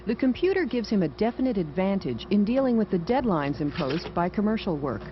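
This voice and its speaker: A woman narrates a scripted TV feature as its reporter. Her medium-pitched voice moves in a lively way. The audio is dull, with clear background noise. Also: fairly quick. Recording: dull, noisy vintage TV audio.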